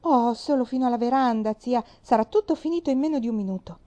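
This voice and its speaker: A woman voicing a cheerful, eager little girl in a storybook reading, talking in an excited, pleading way. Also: fairly high pitch, normal speed, pitched above the performer's own voice, natural voice.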